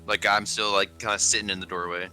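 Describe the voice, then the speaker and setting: A man plays a tabletop game in a joking, laughing way. His pitch sits a bit low, yet his tone is very bright and sharp. Soft music runs underneath. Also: flat delivery, fast talker. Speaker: player.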